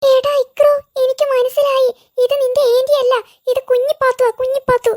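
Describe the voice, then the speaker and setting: Squeaky, jittery cartoon kids. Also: level tone, a little mellow. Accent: Malayali. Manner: fast, squealing chatter with frightened wails. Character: squeaky young cartoon boys, jittery and scared. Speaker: cartoon voice artist. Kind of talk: cartoon voice acting.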